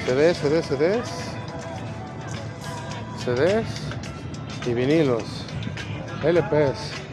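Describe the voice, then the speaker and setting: Over background music, a man in his thirties with a voice on the high side and lively intonation speaks very slowly, leaving long pauses. He's vlogging casually as he walks through an outdoor swap meet, rambling and listing the items he sees, filmed on an action camera worn on his body or held in hand.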